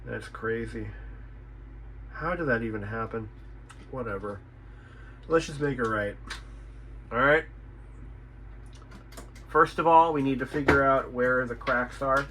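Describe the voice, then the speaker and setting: A man who repairs radios and hosts a channel talks unscripted while inspecting his work, thinking aloud, repeating himself and swearing mildly. His mid-range voice is unhurried and fairly bright, with frequent pauses and slight background noise.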